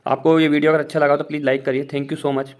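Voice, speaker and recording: Brief: male teacher, rapid step-by-step walkthrough, slightly high voice. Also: little pitch movement. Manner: explains step by step, pointing at a sheet. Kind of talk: casual instructional walkthrough.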